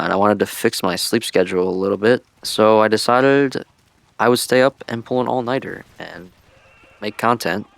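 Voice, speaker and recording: With a medium-pitched, gravelly yet smooth and fairly bright voice, this video creator and streamer rambles through relaxed gaming vlog commentary. The recording is dry, made on a headset-style mic chosen for its old-school sound.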